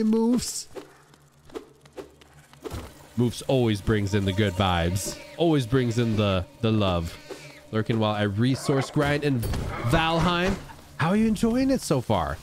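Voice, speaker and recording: A man streaming a video game, chatting casually and rambling while he greets and answers his viewers. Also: a little hiss or hum. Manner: animated, jumps into high excited outbursts. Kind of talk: casual live-stream gameplay chat.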